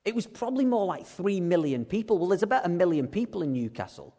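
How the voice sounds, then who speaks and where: A man's voice: sits high, sing-song, quick pace, mellow. A male preacher who gives a chatty, jokey sermon in a storytelling style. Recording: long hall reverb.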